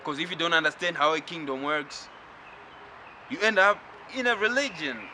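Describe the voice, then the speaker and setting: A man from Zimbabwe giving a spiritual lecture, talking slowly and reflectively and addressing the listener directly. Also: on the high side, lively intonation, sharp tone, a little hiss or hum, low-quality recording.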